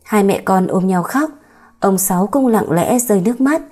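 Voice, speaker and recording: A woman narrating an audiobook story in a steady, expressive reading. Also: mid-range voice, normal speed.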